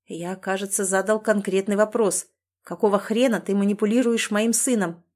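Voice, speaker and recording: A woman's voice: mid-range voice, fairly even intonation, normal speed, a little mellow, close to an everyday voice. A woman voicing an angry, domineering husband who barks commands and threats. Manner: harsh, commanding, through gritted teeth.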